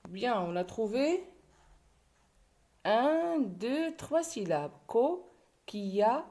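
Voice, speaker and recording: Woman teacher, from Morocco, slow syllable drills, mellow tone, animated pitch. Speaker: primary school teacher. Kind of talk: classroom video lesson.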